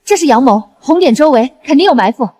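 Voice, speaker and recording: A high-pitched, lively young woman in a screen drama. She reports threats like a lookout spotting the enemy, urgent and alert, on a quick-witted ocean rescue team.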